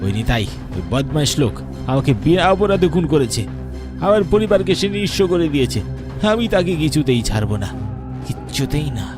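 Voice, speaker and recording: A man's voice: fairly high pitch, big pitch swings, a little fast. A man plays a murdered man's ghost in a cartoon horror tale, tormented and bent on revenge. The delivery is dramatic and menacing, with prominent music behind. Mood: bitter, vengeful. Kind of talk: cartoon ghost story acting. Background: prominent background music.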